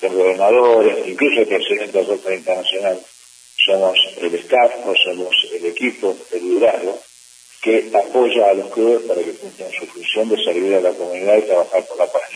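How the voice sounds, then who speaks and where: A middle-aged man, a district governor of a service club, answering press questions in a measured way with frequent hesitations. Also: sits low, steady tone. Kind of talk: press interview. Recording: distant mic with faint hiss.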